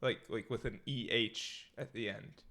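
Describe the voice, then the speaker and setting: A man's voice: mid-range voice, steady tone, unhurried, creaky, pushed and bright. A Canadian man co-hosting a podcast from home, chatting casually and laughing often as he tells stories. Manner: laughs often, playful storytelling. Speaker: podcast co-host. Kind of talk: casual chat. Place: home room.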